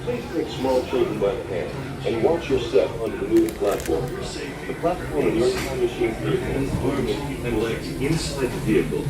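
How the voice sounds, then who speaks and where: A man giving calm, measured safety instructions in a recorded announcement played over a ride's loudspeaker. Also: mid-range voice, over a noisy crowd. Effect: played over an outdoor loudspeaker on a moving ride. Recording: echoey distant loudspeaker over loud music. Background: loud music.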